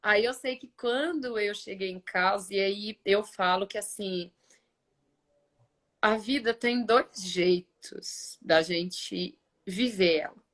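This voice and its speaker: A woman in her forties from Brazil, speaking as a podcast guest. She takes her time, her pitch sitting in a middle range, and she throws herself into the voices of the people in her story. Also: slow pace. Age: 40s. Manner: emotional, animated retelling with quoted dialogue. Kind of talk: personal storytelling.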